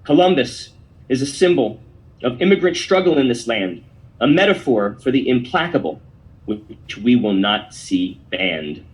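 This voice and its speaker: A male podcast host with a voice of ordinary middle pitch, delivering pointed commentary. He reads verse aloud with heavy emphasis, leaning hard into each line like a speech. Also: very animated, unhurried, poor audio. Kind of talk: opinion commentary and poem reading.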